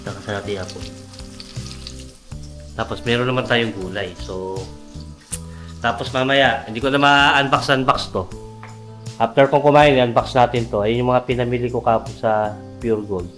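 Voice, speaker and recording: A man's voice: medium pitch, fairly even intonation, moderate pace, pauses often, a bit bright, soft background music. A Filipino man chatting casually to vlog viewers in an informal way, with a slight lisp from missing front teeth. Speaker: vlogger. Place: home kitchen while cooking.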